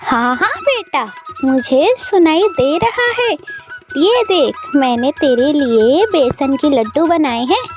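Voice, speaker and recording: A woman voicing a harsh, scornful stepmother in a cartoon story, with a shrill, cutting voice. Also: lively intonation, slow pace, music in the background. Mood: doting. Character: harsh scolding stepmother, favours her own son.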